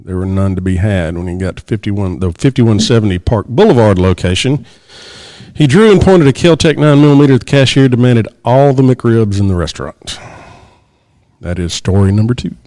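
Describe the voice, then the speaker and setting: Low-voiced man hosting a casual podcast. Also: expressive, fairly quick, dark tone, no echo. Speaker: podcast host. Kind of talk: casual podcast banter, reading news stories.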